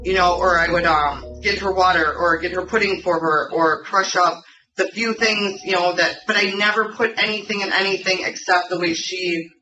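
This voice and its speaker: A woman's voice: on the low side, pushed and bright. Muffled, insistent woman defending herself under questioning. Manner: insistent, repetitive denials. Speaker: suspect under police questioning. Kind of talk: pleading, defensive interrogation answers. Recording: muffled, distant interrogation recording, music behind.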